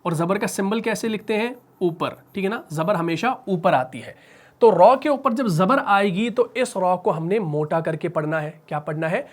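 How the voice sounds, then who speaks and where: Speaking with a Pakistani Urdu accent, this man teaches the rules of Quran recitation at a whiteboard in a spoken tajweed lesson. His voice is high and his intonation lively, and he poses questions to the class, answers them himself, and slowly stretches out the example words.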